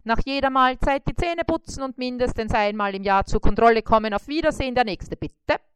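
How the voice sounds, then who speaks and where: A woman voicing a scrawny male mosquito dentist who is brisk, polite and reassuring. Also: on the high side, clear, resonant tone, no room sound, pitched above the performer's own voice, natural voice. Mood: businesslike.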